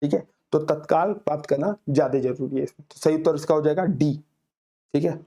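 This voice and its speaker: A man teaching an exam-prep class, explaining answers with homely examples and reading questions out slowly. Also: fairly high pitch, mellow. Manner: reads English questions out very slowly, then explains with everyday examples. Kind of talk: Hindi lecture solving exam questions.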